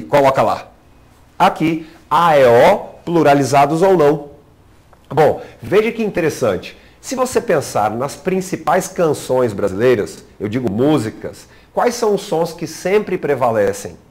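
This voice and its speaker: Here is a male teacher, explaining grammar rules in a video lesson at a middle pitch. He teaches patiently, keeps asking rhetorical questions and checks in with the listener. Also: a little mellow. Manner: didactic, asks rhetorical questions and leans on "né".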